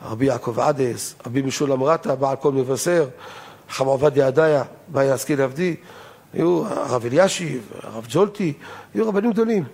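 A man's voice: medium pitch, gravelly, a little mellow. An older man, a rabbi, giving a Torah law lesson in an emphatic lecturing manner, asking rhetorical questions and raising his voice on key points.

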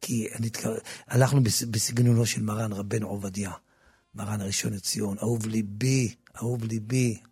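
A man preaches with a gravelly, husky voice, dropping to a low murmur and then rising to loud, emphatic bursts. He restarts and repeats words as he goes. The studio sound is dry and close, with faint music underneath. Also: steady tone, no echo. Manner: frequent repetitions and restarts. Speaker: religious teacher. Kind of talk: impassioned religious talk with book promotion.

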